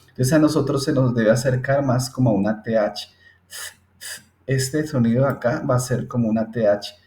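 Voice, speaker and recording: Slow, patient male teacher, echoey room. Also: mid-range voice, warm tone. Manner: patient, step-by-step, checks in with listeners often. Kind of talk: screen-recorded English phonetics lesson. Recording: roomy echo.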